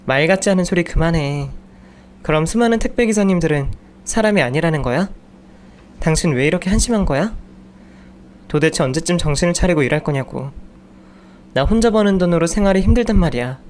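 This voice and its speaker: A man's voice: on the high side, normal speed, a little mellow, slight background noise, natural voice. A man voicing an exasperated young wife and mother who nags her jobless husband in a raised voice. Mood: scolding. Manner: scolding, raised voice.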